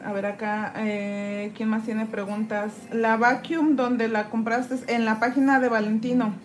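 Speaking a little slowly in a higher voice with little pitch movement, a Mexican woman who streams as a nail tech files the acrylic off her own nails at an indoor nail desk. Chatty and casual, she reads viewers' comments aloud and greets each one by name as she works, with soft music playing underneath.

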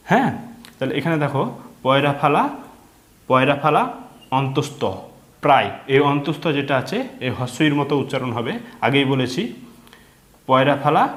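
A male teacher giving a slow reading lesson, sounding out letters one by one and repeating them patiently. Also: mid-range voice. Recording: echoey room.

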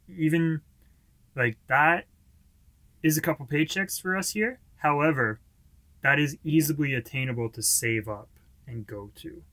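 A man's voice: medium pitch, fairly bright tone, no echo. A young man reacts to a food video in a small room and talks in a casual, reflective way, often stretching out his phrases. His voice sounds dry and close. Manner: chatty, reflective, drawn-out phrasing. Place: small indoor room with posters.

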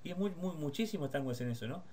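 A man with an Argentine Spanish accent, teaching guitar in a casual one-on-one lesson, explaining rhythm with quick rhetorical questions. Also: on the high side, lively intonation, warm tone. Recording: guitar playing in the background.

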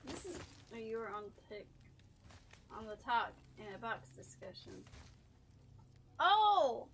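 A woman's voice: a little high, moderate pace, fairly bright tone, a little hiss or hum. A young woman streaming a game, chatting casually and giggling as she talks back to her viewers. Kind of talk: casual chat while gaming.

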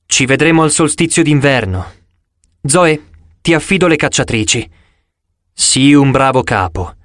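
Male reader doing a stern goddess, slow firm delivery, lower and deliberate, dry close sound. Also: animated, fairly bright tone, dry recording. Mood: commanding. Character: stern commanding female moon goddess.

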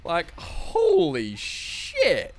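A man's voice: very high-pitched, wildly swooping pitch, extremely slow, vocal fry. A young man streaming a game live, chatting to himself and his viewers in a playful, profane way. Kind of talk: live gameplay commentary.

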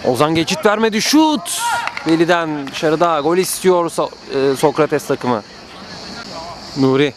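Live from a noisy outdoor pitch, with ambience audible behind him, a male commentator calls the football action play by play. He's excitable throughout, and goals push him into long, drawn-out screams.

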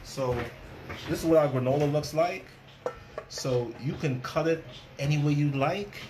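With background noise audible, a middle-aged man who works as a chef and cooking show host runs a relaxed cooking demonstration. He's chatty, speaks in a mid-range voice, and repeats phrases to drive points home.

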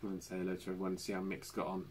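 A man's voice: low voice, monotone, very fast, slight background noise. A man hosting a casual live stream from home, chatty and laughing often as he talks to viewers. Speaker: channel host. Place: home living room.

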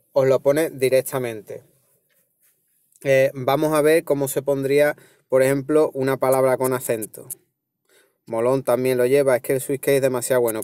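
A man's voice: medium pitch, dry recording. A man with a Spanish accent from Spain, hosting a casual tech tutorial and explaining step by step, checking in with his viewers as he goes. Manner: relaxed, explaining step by step with frequent "¿vale?" and "¿veis?". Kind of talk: casual screen-recorded tutorial.

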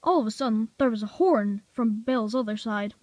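A woman's voice: fairly high pitch, moderate pace, darkish tone, no echo. A woman reading a homemade toy-train story aloud in a plain manner, with small slips now and then. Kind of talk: amateur reading of a fan story.

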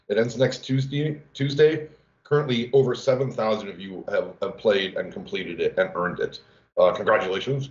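A man from the game team sharing player stats on a livestream, halting with many fillers. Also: lowish voice. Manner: halting, many uhs and restarts. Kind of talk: casual livestream chat. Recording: echoey room, dull lo-fi audio.

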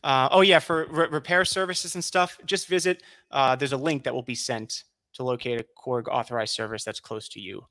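A man's voice: mid-range voice, steady tone, moderate pace, sharp tone. Man, reverb on the voice, mic through a keyboard, casual demo, lots of fillers. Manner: casual, explanatory, many fillers. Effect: reverb from a mic run through a keyboard. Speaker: product demonstrator. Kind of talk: live-streamed product demo.

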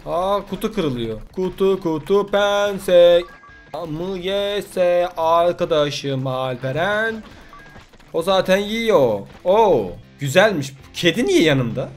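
A man giving loud, joking commentary while playing mobile games. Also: sits high, animated, slow, faint music behind. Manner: loud, jokey, swearing, exclaiming at the game. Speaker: gaming youtuber. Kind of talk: let's play commentary.

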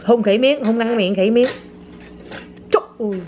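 High-pitched mother, playful and exclamatory, filmed on a phone in a noisy kitchen. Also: moderate pace, lo-fi sound. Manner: playful, teasing, full of exclamations. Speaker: mother filming her child. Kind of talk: casual home vlog. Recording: noisy home phone recording.

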